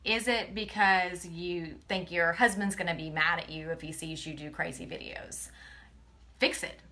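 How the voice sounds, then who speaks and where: A woman's voice: on the low side, fairly even intonation, normal speed, pushed and bright. A woman from Texas, talking earnestly to her viewers in a live video, emotional and often close to tears. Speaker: direct sales presenter. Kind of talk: tearful motivational live video.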